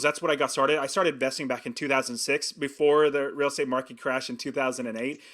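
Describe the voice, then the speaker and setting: A man with a bright, ringing voice chats as a guest in an interview. He speaks with eager energy, pitched a little above the usual for men, and the enthusiasm carries through every phrase. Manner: excited, energetic talker. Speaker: podcast guest, real estate investor. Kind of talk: casual interview chat.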